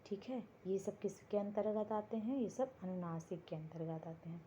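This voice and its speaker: A woman's voice: medium pitch, moderate pace, warm tone, slight background noise. A woman teaching a grammar lesson for exam prep, explaining step by step and answering her own questions. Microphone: board lesson video, writing while talking.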